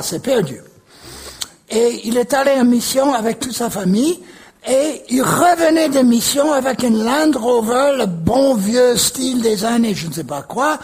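A man preaching a sermon and telling a story, leaning into repeated words with animated emphasis. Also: very high-pitched, slightly rough. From United States.

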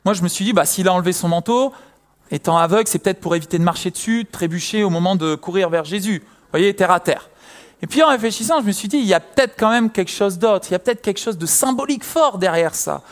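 Young guy preaching, high voice, tells his story all animated. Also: fast talker. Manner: lively storytelling, acts out quoted voices. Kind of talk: sermon with personal story.

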